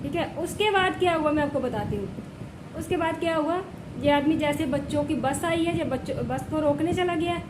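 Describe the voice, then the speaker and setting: A woman with a high voice talks straight to the camera while sick with a fever, complaining and repeating herself. She keeps checking in with her viewers. The room is echoey and loud noise runs behind her. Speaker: village vlogger. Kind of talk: casual vlog talk to camera. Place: home indoors.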